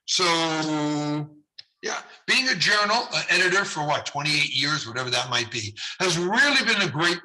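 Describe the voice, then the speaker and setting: A man's voice: a little high, sharp tone, rough recording. A middle-aged man, a journal editor, rambling chattily in a recorded conference talk while losing his voice. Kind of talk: prerecorded conference video talk.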